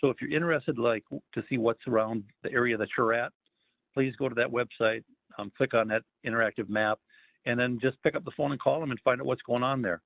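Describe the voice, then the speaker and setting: A man's voice: medium pitch, a little fast, creaky, no echo. A man speaking over a phone line on an online call, giving a casual career talk with lots of ums and uhs. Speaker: federal wildlife agency staffer giving a career talk. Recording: tinny phone line, dry.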